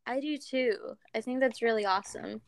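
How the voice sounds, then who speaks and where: A woman's voice: on the high side, moderate pace, no echo, studio quality. A young woman chatting casually, giggly and gushing, often trailing off with fillers. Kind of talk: casual chat.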